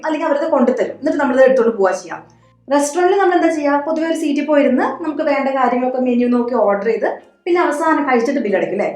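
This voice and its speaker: A woman teaching English pronunciation, patiently repeating each word slowly. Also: high-pitched, echoey room. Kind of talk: Malayalam-language English pronunciation lesson.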